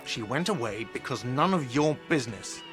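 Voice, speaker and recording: A man's voice: mid-range voice, expressive, moderate pace, soft background music, natural voice. Man voicing a whiny cafeteria manager. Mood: exasperated. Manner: whiny, snappish, exasperated. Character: whiny defensive male cafeteria manager, middle-aged. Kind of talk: video game voice acting.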